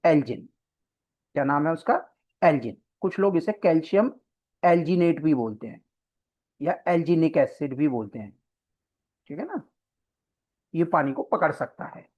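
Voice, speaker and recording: Coaching teacher doing a biology lecture, keeps asking "right?", mid pitch, kinda muffled classroom recording. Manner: explains step by step, keeps checking in with "right?"; mixes English terms into Hindi explanation. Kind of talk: exam-prep biology lecture. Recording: slightly dull lo-fi lecture recording.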